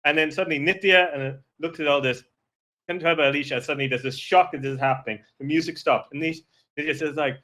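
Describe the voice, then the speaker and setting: Guy gm narrating a tabletop game, bright clear voice, talks loose and quick. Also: fairly high pitch, steady tone. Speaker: game master.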